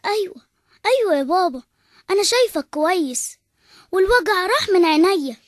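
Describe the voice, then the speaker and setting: A woman's voice: extremely high pitch, animated, brisk, no room sound, clean studio sound. A woman voicing a frightened little blind boy with an Egyptian accent, speaking in a tearful, pleading way. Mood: relieved. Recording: background music.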